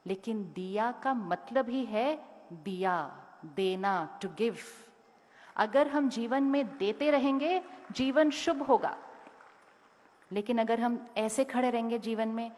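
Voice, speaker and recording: A woman's voice: fairly high pitch, slow, a little mellow. A woman giving a talk to a school audience, asking them questions and telling them what to do. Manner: directly questions and instructs the audience. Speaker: motivational speaker. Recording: long hall reverb.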